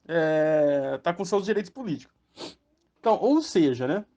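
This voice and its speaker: On a muffled, lo-fi recording, a Brazilian podcast host with a Brazilian Portuguese accent chats casually, stuffing his rambling commentary with fillers and tag questions. His mellow voice is on the high side, expressive, and moderately paced.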